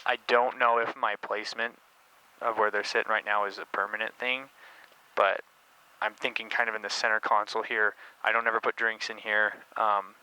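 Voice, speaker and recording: A man with a lowish voice speaks at a normal pace over poor audio, casually reviewing and explaining gear for his car-build vlog. He's recording inside a loud race car cabin, with steady vehicle noise running behind him.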